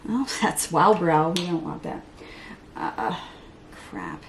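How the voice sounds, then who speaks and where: A woman's voice: lowish voice, big pitch swings, takes it slowly, gravelly, slight background noise. A woman in her thirties chatting casually while doing her makeup at home, rambling and talking to herself. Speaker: beauty vlogger. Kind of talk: casual get-ready-with-me chat.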